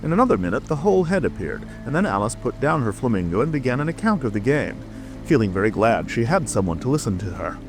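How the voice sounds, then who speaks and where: A man's voice: mid-range voice, big pitch swings, fast talker. A man narrating a storybook as a dramatic, scripted audiobook reading. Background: music.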